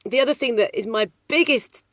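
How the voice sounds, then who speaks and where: A middle-aged woman working in film casting, talking loudly and animatedly in a casual interview. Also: on the high side, brisk, no echo, clean studio sound. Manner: loud, animated, chatty storyteller. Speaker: ADR casting coordinator.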